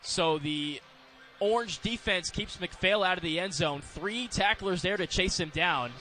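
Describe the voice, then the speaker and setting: A high-voiced man does radio play-by-play of a live American football game, his quick, clipped phrasing sometimes rising with excitement. Faint music sits behind him.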